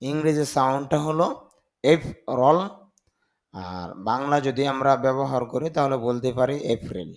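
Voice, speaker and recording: A man with a Bengali accent teaching vocabulary, slowly drilling each word and its meaning with careful repetition. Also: mid-range voice. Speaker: English teacher. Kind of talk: vocabulary lesson.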